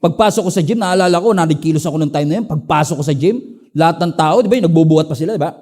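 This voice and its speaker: Middle-aged male Filipino pastor, high-pitched, animated sermon storyteller with dramatic swings in emphasis. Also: very fast. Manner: animated storytelling, swings between emphatic highs and low asides. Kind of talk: preaching a sermon in Taglish.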